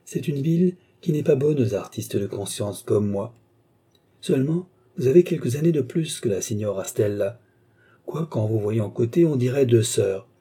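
A man's voice: medium pitch, expressive, normal speed, dark tone, husky. A man voicing a courteous young painter in a storybook reading, gallant and polished in speech.

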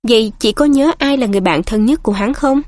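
A woman's voice: on the high side, fast, a little mellow, dry recording, close to an everyday voice. A woman voicing a stern, cold older woman professor who speaks curtly in a storybook reading. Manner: curt, cold.

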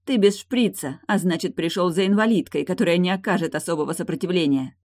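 A lady reading a cocky captive woman, taunting and sneering, raised pitch, audiobook. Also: quick pace, darkish tone. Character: bold mocking captive woman.

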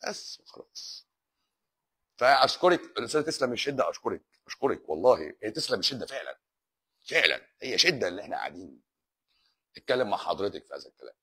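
A husky-voiced Egyptian man, a doctor on a live stream, rattles through viewer questions at a quick clip. He teases and mocks, and his pitch swings widely as he talks. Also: sing-song, bright, forceful tone. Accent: Egyptian Arabic. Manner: joking, teasing and sarcastic. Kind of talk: casual live Q&A reading viewer comments.

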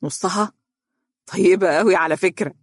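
The narrator voicing a cheerful, loud young Egyptian man who has just graduated and jokes quickly. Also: high-pitched, fairly even intonation, no room sound, studio quality. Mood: lively. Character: cheerful boisterous young male engineer graduate.

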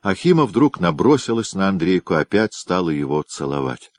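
Deep-voiced male audiobook narrator. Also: big pitch swings, dry recording. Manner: measured storytelling. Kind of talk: scripted narration.

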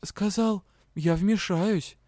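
A man's voice: sits high, takes it slowly, dark tone, no room sound, studio quality, pitched above the performer's own voice. A man reading an audiobook, voicing a bold young female magic student. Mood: firm.

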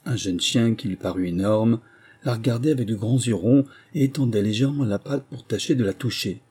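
A man narrating a storybook as an audiobook reader, in a measured storytelling manner. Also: on the low side, dark tone, breathy edge. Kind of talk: scripted narration.

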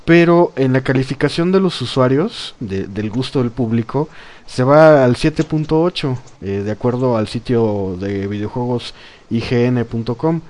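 A man hosting a podcast, chatting casually about games, animated and laughing often, with plenty of fillers. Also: mid-range voice, normal speed. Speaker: podcast host. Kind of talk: casual gaming chat.

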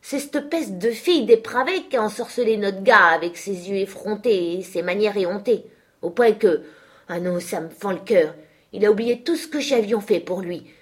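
A grumbling old manservant in a storybook, as a woman reader puts him on, full of rustic dialect and wounded complaint. His voice is husky and raised above the narration. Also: mid-range voice, voice pushed up, natural voice. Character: bitter old male servant grumbling.

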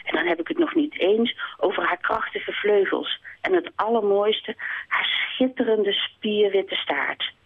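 A woman's voice: mid-range voice, expressive, a little slow, vocal fry, a little hiss or hum, pitched above the performer's own voice. A woman voicing a vain, coaxing female hen in a storybook reading, sweetly pleading. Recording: tinny phone line.

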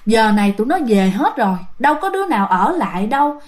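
Woman doing a spooked male teacher, puzzled muttering, lively pitch. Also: quick pace.

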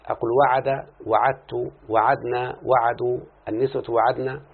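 In a recorded lesson, a sheikh with an Egyptian Arabic accent teaches Arabic morphology, repeatedly asking his students questions and answering them himself. He shifts between classical and colloquial speech. His voice is creaky and husky, medium-pitched, level and at normal speed, and the lo-fi audio sounds tinny, like a phone.

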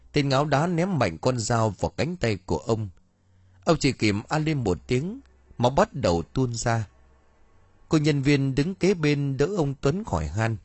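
Husky male storyteller. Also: mid-range voice, a little mellow, no room sound. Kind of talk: audiobook story reading. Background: faint music.

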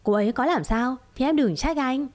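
A woman's voice: sits high, moderate pace, darkish tone, pitched above the performer's own voice, lightly acted. A woman voicing an angry young husband who speaks harshly and accusingly in a story.

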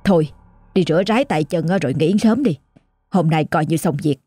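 A woman's voice: low-pitched, lively intonation, a little fast, mellow, husky, no echo. A woman voicing a stern older wife of a village headman, brusque and scolding.

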